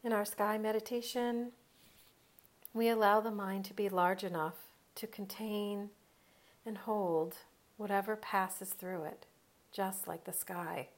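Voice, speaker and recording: Leading a calm, slow-paced guided meditation, a woman speaks in short phrases separated by long pauses. Her voice is mid-range with fairly even intonation.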